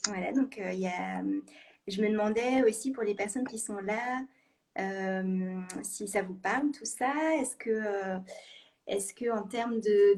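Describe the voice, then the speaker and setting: A woman's voice: medium pitch, a little mellow. A woman hosting a live video conversation, encouraging and a bit hesitant, with frequent fillers as she asks questions. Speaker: host.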